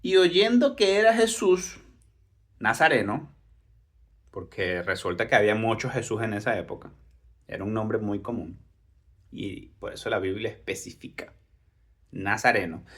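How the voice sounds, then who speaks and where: A man's voice: fairly low pitch, animated, unhurried, long pauses, a bit bright. A man preaching a sermon, reading scripture aloud and explaining it with rhetorical questions.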